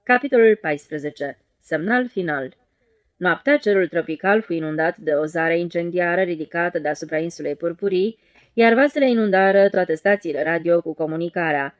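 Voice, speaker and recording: A woman narrating an audiobook in a steady storytelling read. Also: on the low side, dry recording. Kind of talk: scripted narration.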